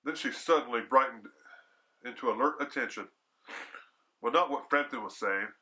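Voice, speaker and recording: With a sharp tone, medium pitch and moderate pace, a storyteller and horror show host theatrically reads a story aloud. He keeps interrupting himself with casual, slangy, chatty asides.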